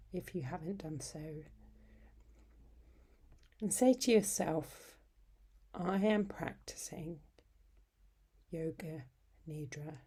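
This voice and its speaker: This woman's fairly low, husky voice stays soft and breathy as she instructs a yoga nidra meditation. Calm and soothing, she takes her time, pausing at length between brief phrases.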